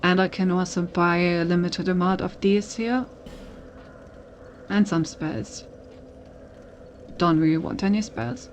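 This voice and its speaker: A woman's voice: fairly low pitch, steady tone, slow pace, long pauses, slight background noise. A woman game streamer giving casual gameplay commentary, thinking aloud as she goes. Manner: thinks aloud, reads on-screen text.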